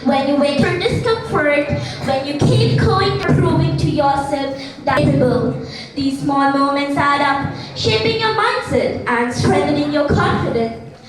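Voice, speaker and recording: A young female student speaker declaims with formal, emphatic swells. Her voice is extremely high. The recording is very echoey, with music behind her. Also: unhurried, far from the mic. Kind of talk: formal declamation of famous speeches. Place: large echoey indoor hall, distant microphone.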